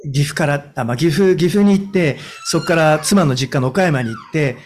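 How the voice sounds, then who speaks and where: A man's voice: fairly high pitch, breathy edge. A man in his fifties preaching a sermon as a pastor, stressing points with rhetorical questions and then easing into a personal story. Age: 50s.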